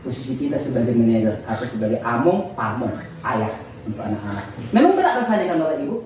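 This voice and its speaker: A man's voice: medium pitch, sing-song, fast, darkish tone. A man, a teacher, giving an informal presentation to colleagues in a conversational way, often acting out exchanges with students. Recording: echoey room, far from the mic, faint noise.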